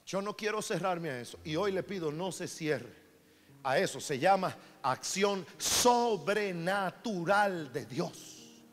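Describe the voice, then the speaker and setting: A man preaching an emotional sermon, telling a story and then building fervently into shouted, repeated phrases. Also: sits high, expressive, takes it slowly. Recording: reverberant hall, faint music behind.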